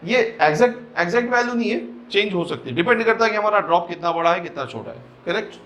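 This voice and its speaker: In this classroom lecture, the same Hyderabadi-accented man teaches physics at a quick clip, his high voice lively in intonation and fairly bright. He breaks concepts down stage by stage, mixes English vocabulary into his Hindi, and puts questions to the class along the way.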